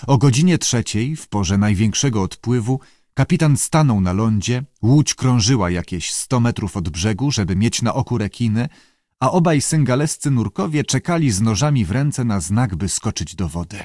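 A man reading an audiobook in measured, even storytelling narration. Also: on the low side, no echo, clean studio sound.

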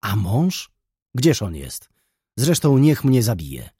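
Male narrator doing a young woman in an audiobook, passionate and defiant, lively and husky. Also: medium pitch, slow, dry recording, studio quality, heavily acted. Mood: impassioned. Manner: passionate, pleading, rising to outbursts. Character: young woman, gentle but defiant in love.

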